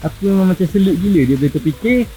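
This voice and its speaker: High-pitched Malaysian man vlogging over music. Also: lively intonation, very fast, mellow, low-quality recording. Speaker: travel vlogger. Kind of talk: casual vlog chat to camera. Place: on location at tourist attractions.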